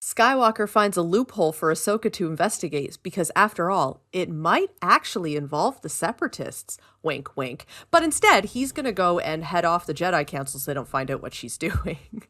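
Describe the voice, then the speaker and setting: Animated woman recapping with lively pitch. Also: moderate pace. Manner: animated, giggly, sarcastic asides. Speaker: podcast co-host. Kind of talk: casual episode recap.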